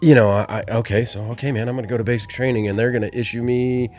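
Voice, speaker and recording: A man in his forties from Georgia, a podcast guest telling stories in a rambling, animated way. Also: medium pitch, rapid-fire, faint music behind. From Atlanta, Georgia. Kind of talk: casual storytelling.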